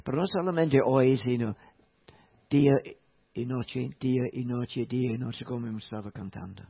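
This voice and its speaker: A man preaching a sermon in a slow, emphatic way, repeating key phrases. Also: medium pitch, vocal fry, slightly rough. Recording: tinny phone-like sound.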